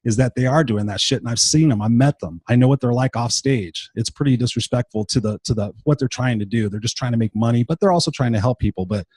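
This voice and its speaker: Blunt, husky-voiced motivational man in his fifties. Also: medium pitch, quick pace, hardly any pauses, a little mellow, no room sound. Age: 50s. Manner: blunt, profane, emphatic. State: tired and unwell. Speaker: motivational podcast host. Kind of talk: unscripted motivational monologue.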